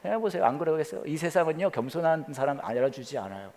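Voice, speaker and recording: A man preaching as a pastor, telling a story with quoted voices and dropping to a hush near the prayer. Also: a little high, big pitch swings, fast, in a large hall. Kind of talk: sermon. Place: church during the pandemic.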